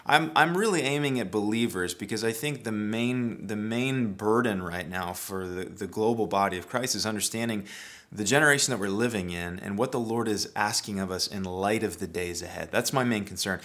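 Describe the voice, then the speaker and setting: Middle-aged American male Bible teacher, slightly low pitch, earnest emphatic monologue delivery. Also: normal speed, a bit bright. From United States. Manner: earnest, emphatic, with frequent restarts.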